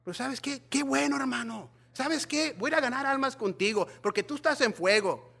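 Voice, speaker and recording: Male pastor, high voice, bilingual sermon, animated. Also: fairly quick, vocal fry. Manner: animated preaching, mixing Spanish and English, acting out gossiping church members.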